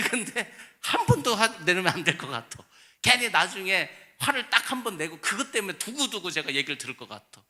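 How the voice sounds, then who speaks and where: A man preaching a sermon as pastor, in a conversational style that swings between loud emphasis and soft asides. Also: high voice, very animated, a little fast. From South Korea.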